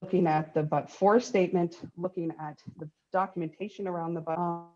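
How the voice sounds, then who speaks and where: A woman's voice: fairly low pitch, steady tone, dark tone. Woman on a crackly, fading phone line. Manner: measured, explanatory, with frequent ums. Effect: crackly remote phone line that fades in and out. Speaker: state agency official testifying to a committee. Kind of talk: formal committee testimony. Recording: dull lo-fi call audio, breaking up.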